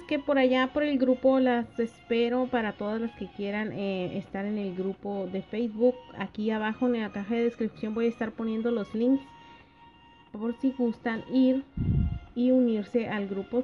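A woman with a fairly high voice narrates a nail art tutorial in a gentle, friendly way, pausing on small fillers as she explains each step. The voice-over sounds dull and lo-fi, with quiet music underneath. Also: fairly even intonation.

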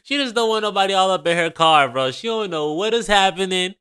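A man casually reacting to police footage, animated and laughing, talking in slang. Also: sits high, fairly quick, clear, resonant tone. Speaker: reaction video host.

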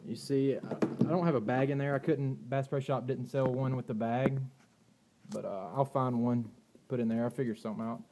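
A man's voice: mid-range voice, steady tone, moderate pace, noisy background. A man walking through his kayak gear in a garage, rambling in a plainspoken way with fillers and restarts, recorded on a handheld phone. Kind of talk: casual walkthrough. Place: indoors, garage or storage room. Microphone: handheld phone camera.

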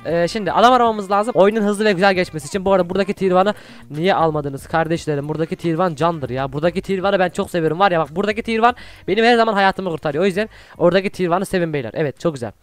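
Fast-talking, high-voiced young man. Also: soft background music. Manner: excitable, shouts during fights, chatty asides to viewers. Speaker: gaming YouTuber. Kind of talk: Minecraft gameplay commentary.

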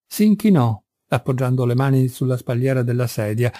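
A male audiobook reader narrating a classic tale in a measured, steady way. His voice is mellow and dark at a middling pitch. The recording is close and dry, with no room sound. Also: no room sound. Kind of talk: scripted narration.

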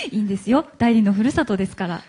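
A woman from Hiroshima hosting a live stage interview, chatty and quick to laugh, with plenty of fillers. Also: medium pitch, big pitch swings, darkish tone, a little hiss or hum. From Hiroshima, Japan. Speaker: event MC and interviewer. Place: event hall stage.

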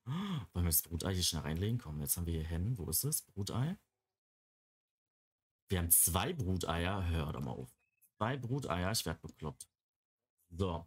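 A young man giving casual gameplay commentary in a chatty way, often cooing baby talk at the game characters. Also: lowish voice. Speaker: Let's Play gamer.

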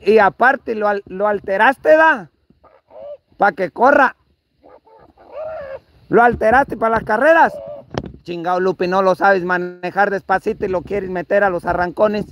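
A man with a Mexican accent and a strikingly high voice, scolding someone in a comic one-sided back-and-forth. He drawls slowly and keeps repeating himself, exasperated. His tone carries a gravelly fry. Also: fairly bright tone, a little hiss or hum. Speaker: vlogger.

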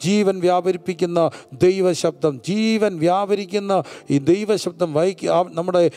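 A man preaching a Bible study sermon in a fervent, rhythmic call-and-response style, sometimes dropping to a soft, hushed storytelling voice. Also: sits high, steady tone, a little slow, smooth.

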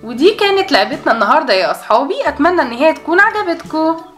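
A woman's voice: sits high, lively intonation, fast, faint music behind. A woman host with an Egyptian Arabic accent, cheerfully speaking to children in a scripted video outro. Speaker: channel host.

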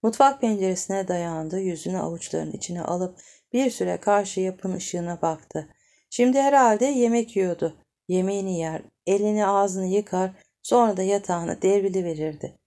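A woman narrating a novel as an audiobook in a measured storytelling manner. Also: mid-range voice, warm tone.

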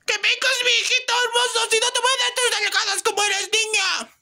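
A man doing a shrill doting mother. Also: fairly even intonation, a little fast, bright, forceful tone, slight background noise, full character voice. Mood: bossy. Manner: squealing falsetto, melodramatic. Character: shrill doting mother, middle-aged woman, bossy. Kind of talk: comedy sketch.

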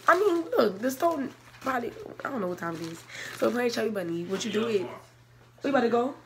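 A woman's voice: on the high side, lively intonation, fast talker. Young woman vlogger chatting casually. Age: young adult. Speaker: vlogger, channel host. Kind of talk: casual vlog chat. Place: small office-like room, indoors. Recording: faint room noise, casual camera audio.

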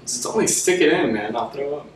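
A man's voice: a little high, lively intonation, fairly quick. A young man vlogging with his sister, joking and easygoing, a bit squeamish. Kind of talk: casual chat. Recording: echoey room, far mic, faint music.

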